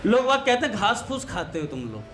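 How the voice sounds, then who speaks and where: Bright high-voiced man telling a devotional story. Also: very animated, a little fast, slight background noise. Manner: storytelling, mimics lisping voices for comic effect. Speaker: satsang speaker. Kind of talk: devotional talk with anecdotes and a humorous story.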